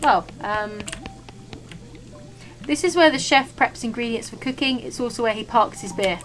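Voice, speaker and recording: A woman's voice: a little high, normal speed, fairly bright tone, soft background music. A woman hosting a gaming video, reading game text aloud with casual, playful and jokey commentary. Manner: playful, jokey, breaks into silly asides.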